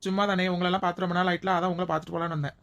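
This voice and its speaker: A bold, outspoken village woman, sharp-tongued and joking, played by a woman. Her voice sits somewhat low and she speaks very fast. It is a village comedy skit. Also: level tone, gravelly.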